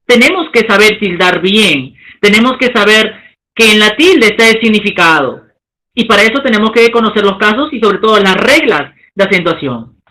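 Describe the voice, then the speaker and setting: Bright-voiced man teaching a lesson. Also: high-pitched, animated, low-quality recording. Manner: emphatic, asks rhetorical questions, stresses syllables slowly. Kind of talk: recorded lesson.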